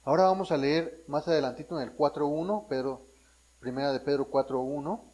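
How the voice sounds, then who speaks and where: A fairly high-voiced man from Mexico preaches a sermon as a pastor. He works through Bible passages in a teaching way and keeps checking in with his listeners. His delivery is full of restarts and quick self-corrections. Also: mellow, rough recording.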